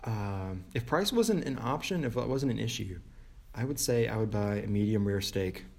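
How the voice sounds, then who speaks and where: A man's voice: lowish voice, animated, normal speed, gravelly. A young man from Mississippi with a Southern accent, co-hosting a casual podcast in a joking, playful way and laughing often. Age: young adult. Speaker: podcast co-host. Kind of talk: casual chat.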